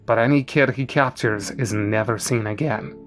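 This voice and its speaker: A man's voice: medium pitch, moderate pace, a bit bright, close to an everyday voice. A man voicing a grim, serious older teenage boy in a horror story.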